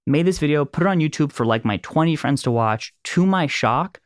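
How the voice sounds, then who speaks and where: A Los Angeles filmmaker and producer in his thirties tells stories in a casual chat, laughing easily as he goes. His voice sits on the high side and moves briskly, recorded dry with studio quality.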